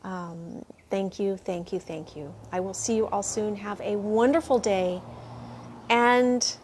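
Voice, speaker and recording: Woman, spiritual livestream host, gushing thanks, reads comments aloud, clears throat, middle pitch, faint background hiss. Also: a little slow, a little mellow. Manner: gushing, repeats thanks over and over; reads viewer comments aloud and answers them. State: clearing her throat now and then. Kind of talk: live chat after a meditation.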